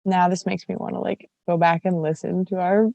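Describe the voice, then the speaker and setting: Chatty woman with a gravelly morning voice. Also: on the low side, flat delivery, brisk, dark tone, no echo, highs cut off. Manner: chatty, lots of fillers like "like". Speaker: podcast host. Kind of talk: casual chat.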